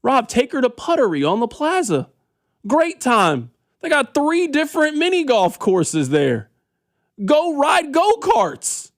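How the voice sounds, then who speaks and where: Male talk radio host: high and very lively, opinionated, colloquial, emphatic, recorded dry. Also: measured pace, no room sound. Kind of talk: casual sports talk radio banter.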